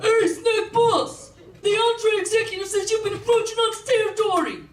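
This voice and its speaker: A woman voicing a pushy male Jersey mobster with slicked-back hair, drawn-out and shouting, from a distant stage mic. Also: very high voice, steady tone, voice pushed up. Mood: menacing. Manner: slow, drawn-out loud shouting. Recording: distant roomy stage mic, audience noise.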